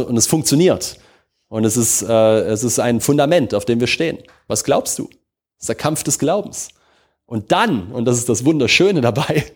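A man preaching a sermon, fervent and repetitive, speaking straight to his listeners, often restarting his sentences. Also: mid-range voice. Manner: many restarts and self-corrections.

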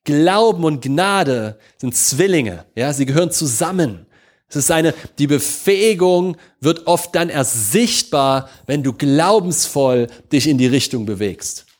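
A man's voice: fairly high pitch, expressive. Man preaching with emphatic swings. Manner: emphatic, swings from loud slow proclamation to soft intimate prayer; addresses congregation with repeated questions. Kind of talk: sermon.

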